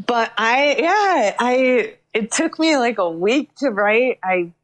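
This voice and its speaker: A woman singer-songwriter in a casual interview, talking in a lively way with frequent laughs and fillers like "you know". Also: fairly high pitch, slow pace. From Chicago area. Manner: lively, laughs often, uses many fillers.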